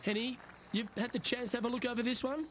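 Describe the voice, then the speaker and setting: A man's voice: extremely high pitch, fairly even intonation, quick pace. A man giving scripted play-by-play golf commentary in short, upbeat calls. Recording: commentary over outdoor course noise.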